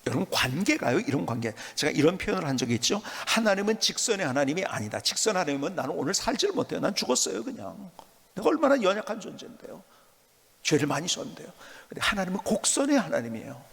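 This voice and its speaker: A male pastor preaching a sermon, emphatic and animated, at times dropping to a soft whisper. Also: high-pitched, fast talker, gravelly, breathy edge, long reverb tail.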